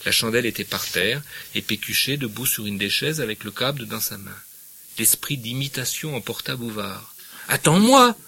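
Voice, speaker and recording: Lecturing on literature, this middle-aged man brings expression to the passages he reads, while his own remarks come out hesitant and full of fillers. He speaks at a moderate pace in a lowish voice with vocal fry, and there's a little hiss or hum in the recording.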